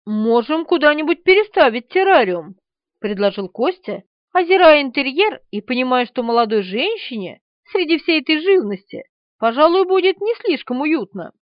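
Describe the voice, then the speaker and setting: A woman narrating an audiobook in an animated, expressive way. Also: high-pitched, moderate pace, no room sound, muffled recording.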